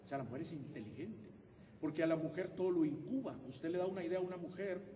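A man preaching a sermon as pastor in a church, animated and humorous. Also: a little high, fast talker, distant mic. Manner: animated and humorous, acting out husband-wife exchanges. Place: church sanctuary. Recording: echoey hall, preacher away from the mic.

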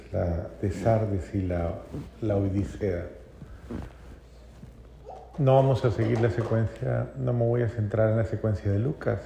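A man preaching a homily at mass, telling a story that rises to loud emphatic peaks and drops to soft, low phrases. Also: creaky, a little hiss or hum. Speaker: priest. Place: church.

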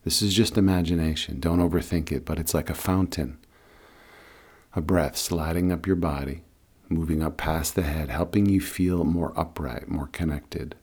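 A male teacher of guided meditation and breathing speaks in an extremely deep, husky voice. His instructions come calm, soothing and unhurried.

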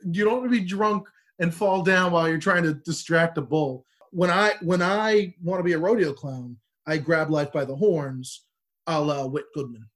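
A man's voice: a little high, normal speed, a bit bright. A man co-hosting a podcast in casual comedic banter, opinionated and teasing. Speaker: podcast co-host.

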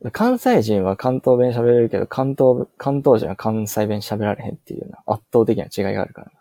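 A man's voice: fairly low pitch, big pitch swings, a little fast, dark tone, no echo. A young man in his twenties with a Kansai accent, co-hosting a casual podcast chat in a laid-back, agreeable way with lots of drawling fillers. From Kansai, Japan. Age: 20s. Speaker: podcast co-host.

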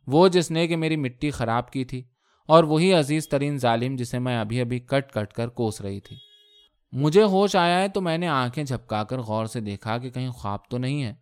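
A man reads a first-person story aloud, measured and expressive. His voice sits at an ordinary middle pitch for a man. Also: clear, resonant tone. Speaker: story reader.

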